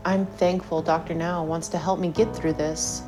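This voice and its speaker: A woman's voice: lowish voice, level tone, moderate pace, music in the background. A woman from Portland, Oregon, speaking candidly in a reality show confessional. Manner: candid, downbeat. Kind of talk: confessional interview.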